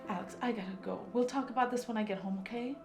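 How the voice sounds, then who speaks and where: A woman's voice: on the high side, fast talker, over music, natural voice. An actress playing a weary, stubborn middle-aged mother, placating yet firm, in naturalistic drama dialogue. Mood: resigned, stubborn. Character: weary, evasive, stubborn mother of a grown son.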